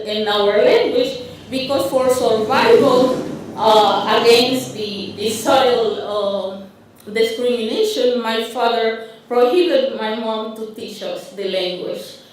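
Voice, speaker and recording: A Honduran woman with a Honduran Spanish accent and a slightly high voice presents a conference talk with slides. She speaks haltingly, restarting often and using lots of fillers, and she is recorded far from the mic in a roomy hall.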